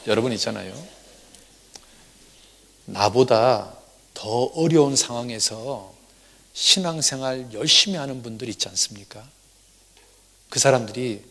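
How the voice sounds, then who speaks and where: A man's voice: medium pitch, a bit bright, in a large hall. A male pastor preaching emphatically, asking rhetorical questions and dropping at times to a near whisper. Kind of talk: sermon.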